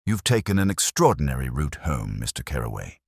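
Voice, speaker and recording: In an audio drama, a man plays a grave Victorian detective, calm, exact and commanding. His very deep, husky voice rises and falls expressively in a full character performance, delivered in a measured, quiet, incisive way. The recording is very dry, with no echo.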